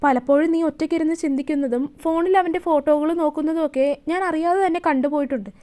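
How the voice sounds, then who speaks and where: Blunt young woman, serious, direct, high voice, read by a woman. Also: fast talker, dark tone, close to an everyday voice.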